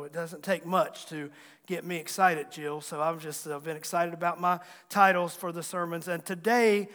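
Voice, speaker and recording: A Southwest Virginia man in his forties preaches from the pulpit with a fairly high voice. His manner is folksy and self-deprecating, with easy jokes for his congregation. The sound rings out in a church with a long, trailing reverb. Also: fairly bright tone. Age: 40s. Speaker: pastor. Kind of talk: sermon. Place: church sanctuary.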